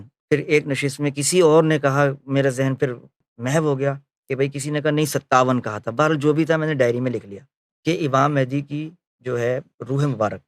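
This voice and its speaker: A man retelling his memories of a spiritual leader as a spoken story, acting out the quoted conversations, often pausing on filler phrases and correcting himself. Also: mid-range voice, no echo, clean studio sound.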